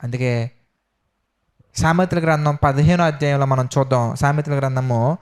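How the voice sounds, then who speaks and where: A man preaching a Sunday sermon, asking rhetorical questions and swinging between loud exhortation and quiet, prayerful tones. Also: medium pitch, steady tone, moderate pace, clear, resonant tone. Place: church.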